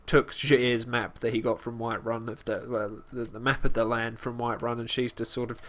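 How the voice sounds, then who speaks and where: A man's voice: medium pitch, flat delivery, fairly bright tone. Rambling man narrating his game. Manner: rambling, halting, with many restarts and fillers; narrates his character in third person. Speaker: let's play host. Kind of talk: casual gameplay commentary.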